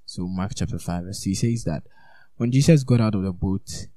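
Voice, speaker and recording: A man's voice: low voice, moderate pace, mellow, no echo, poor audio. A man preaching a sermon in a conversational way, reading scripture and adding reflective asides.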